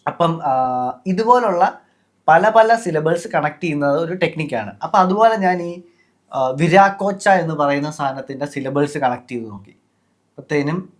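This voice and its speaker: A man's voice: on the high side, normal speed. A man with a Malayali accent hosting a podcast, explaining things casually with many fillers and English words mixed in. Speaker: podcast host.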